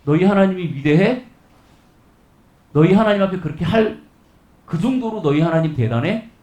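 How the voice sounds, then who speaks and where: A haughty Assyrian king sneers at his rival in a mocking, offhand way, as a male preacher puts him on mid-sermon. His voice is high and swings widely in pitch. It rings through an echoey church hall. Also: animated, moderate pace, a little mellow. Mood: taunting. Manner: mocking, condescending, casual speech.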